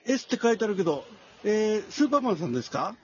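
Man acting as frantic live weather reporter, high husky voice, flustered repetition, comedy skit, slightly muffled lo-fi audio. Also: sing-song, rapid-fire, a little mellow, exaggerated voice. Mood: frantic, excited. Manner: breathless live-report delivery, flustered, repeating himself. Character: frantic male typhoon reporter, a struggling comedian.

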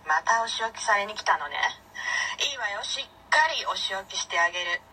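A woman's voice: medium pitch, fairly quick, pushed and bright, natural voice. A woman voicing a bossy, teasing female queen dominatrix in a comedy skit, heard from a distance with faint noise. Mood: domineering. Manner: commanding, teasing.

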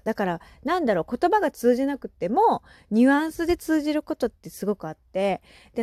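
A woman in her thirties talks casually on her own podcast, animated and quick to laugh, dropping into soft asides now and then. Her voice sits at a middle pitch. The recording is dry and close, with no room sound. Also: dry recording. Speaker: podcast host. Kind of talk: casual solo chat.

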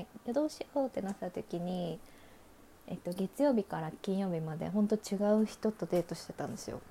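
A woman's voice: medium pitch, mellow, a little hiss or hum. A woman hosting a casual solo talk show, frankly telling personal dating anecdotes with many fillers. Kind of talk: casual storytelling monologue.

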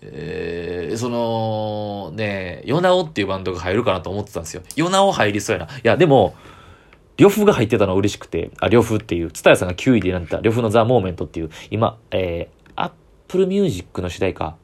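Low-voiced Kansai man rambling solo. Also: sing-song, brisk, a little mellow. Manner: rambling, chatty enthusiasm. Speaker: comedian podcaster. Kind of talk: solo casual chat.

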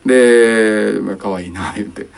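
A man's voice: lowish voice, a little slow, creaky. A young man with a Kansai accent telling a story in casual podcast chat, acting out the quotes. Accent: Kansai Japanese. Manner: animated storyteller, acts out quotes. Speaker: podcast co-host.

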